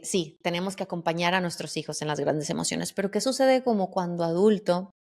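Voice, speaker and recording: A woman's voice: medium pitch, darkish tone. A woman hosting a podcast, asking long reflective questions and giving brief affirmations. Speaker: podcast host. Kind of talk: podcast interview.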